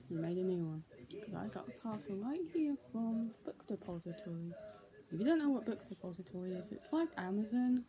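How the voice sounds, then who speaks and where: A woman's voice: medium pitch, poor audio. A young woman chatting casually through a vlog, rambling with lots of "so, yeah" fillers, recorded on a tablet's built-in mic. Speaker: vlogger. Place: indoors in daylight.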